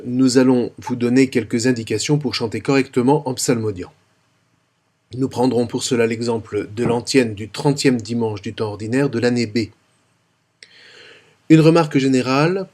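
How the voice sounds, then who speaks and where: A man calmly explaining how to chant a Sunday psalm, speaking with careful, clear diction. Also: mid-range voice. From France. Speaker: liturgical singing teacher. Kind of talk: instructional tutorial with sung psalm examples.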